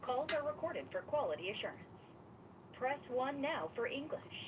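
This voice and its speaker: A woman's voice: high-pitched, moderate pace. Woman's recorded phone-menu message. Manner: even, announcer-like recorded delivery. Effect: automated recorded phone message. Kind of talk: scripted telephone menu prompt. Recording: tinny, noisy phone line.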